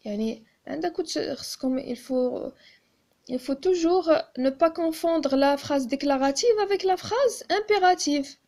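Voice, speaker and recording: A woman with a Moroccan accent teaching a grammar lesson, speaking slowly and deliberately and repeating key terms. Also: high voice, expressive, a little mellow. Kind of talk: classroom-style grammar lesson.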